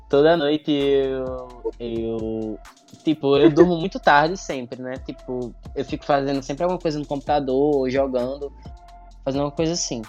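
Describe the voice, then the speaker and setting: A man's voice: mid-range voice, measured pace, a little mellow. A man telling a ghost story in a rambling, casual way, with many fillers and some laughter, as a guest on a podcast. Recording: dull lo-fi sound with faint music.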